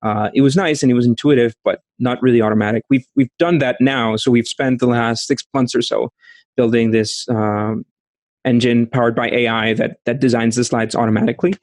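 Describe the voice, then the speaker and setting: A man in his thirties from Costa Rica with a Costa Rican accent, answering interview questions over a video call, speaking haltingly with many restarts. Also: medium pitch, fairly even intonation, no echo. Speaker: startup founder. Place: small room at home, indoors. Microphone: studio mic with headphones.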